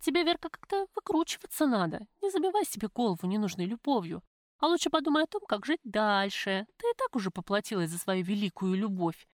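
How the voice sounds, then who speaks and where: A woman voicing a streetwise young woman who scolds her friend bluntly in rough slang, for an audiobook. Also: mid-range voice, big pitch swings, fairly quick, no room sound, clean studio sound, lightly acted. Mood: bossy.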